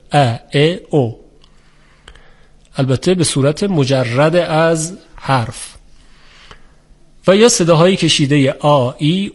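Man, teacher, formal explanatory lecture, measured delivery, somewhat high voice. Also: darkish tone. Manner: measured, formal, with polite set phrases. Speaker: Quran recitation teacher.

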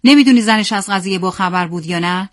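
A woman reading the part of a stern middle-aged dad, anxious, who snaps short orders at his son, a little higher and louder than her plain reading, like in a spoken storybook. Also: close to an everyday voice. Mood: tense. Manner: curt, commanding. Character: stern worried father, chain-smoking, middle-aged man.

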